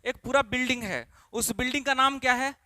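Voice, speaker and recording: Male classroom teacher, high and bright, emphatic drilling delivery, dry close sound. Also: dry recording. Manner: repeats questions to drill students; emphatic, stretches key words slowly. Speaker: English teacher. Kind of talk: classroom lesson in Hindi.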